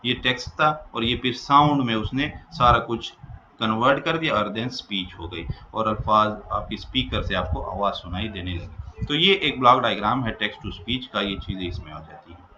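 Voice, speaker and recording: A man's voice: fairly low pitch, moderate pace, pushed and bright, slight background noise. A man giving a lecture, explaining slides and reading English definitions aloud. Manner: mixes English definitions read aloud into Hindi-Urdu explanation. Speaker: teacher. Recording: dull lo-fi sound, faint ambience.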